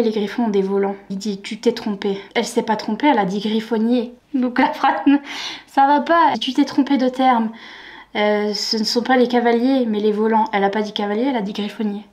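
A young woman book vlogger chatting casually to camera, animated, laughing often and mocking awkward word choices. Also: a little high, a little fast.

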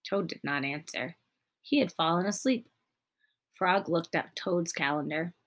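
Slow-paced young woman reading a storybook. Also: fairly low pitch. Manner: deliberate, clearly phrased for children. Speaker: read-aloud storyteller. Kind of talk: children's story read-aloud with teaching asides.

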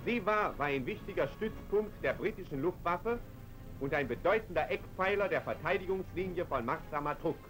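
A man narrating a 1940s newsreel in a crisp declarative announcer's manner, heard as an old newsreel recording. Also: high voice, lively intonation, a little fast, poor audio. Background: loud music.

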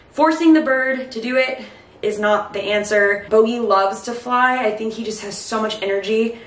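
A woman in her thirties talks to camera in a chatty, instructional way. She sounds short of breath as she explains things step by step. The recording is echoey, with the microphone set some distance off in a kitchen. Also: medium pitch. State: breathless from late pregnancy. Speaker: host of a pet bird channel. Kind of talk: casual instructional talk to camera. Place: home kitchen, indoors.

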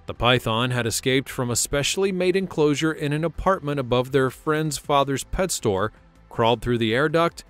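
A man narrating a scripted wildlife countdown, steady with dramatic emphasis, over faint music. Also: medium pitch. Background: faint background music.

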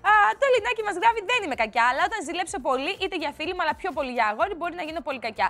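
A young woman hosting a studio show, her voice high and bouncing all over the place as she teases viewers about their comments. She talks in a casual, playful way, with faint music under her. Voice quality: odd put-on voice today. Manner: playful, teasing, lively. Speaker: TV host reading viewer comments. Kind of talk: casual chatty TV presenting.

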